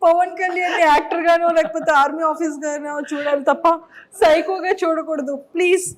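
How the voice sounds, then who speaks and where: A woman's voice: very high voice, fairly even intonation, brisk. A woman interviewing a guest in a casual chat, playful and teasing, full of enthusiasm.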